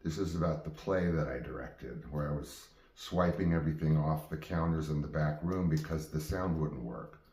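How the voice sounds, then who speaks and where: With a rumbling low, darkish voice, a game show host rambles through impromptu stories for his viewers, often interrupting himself and beginning again. He talks at a normal speed with few pauses, and the space sounds reverberant.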